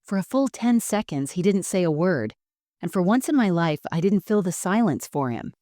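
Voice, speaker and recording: A woman narrating a first-person story in a calm, measured, composed way. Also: fairly low pitch, dry recording, clean studio sound.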